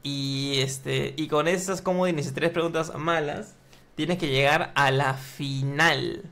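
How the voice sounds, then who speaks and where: A man's voice: a little high, fairly even intonation, slow pace, vocal fry, bright, forceful tone. A man streaming a game, hosting a mock quiz show with teasing, announcer-style flourishes.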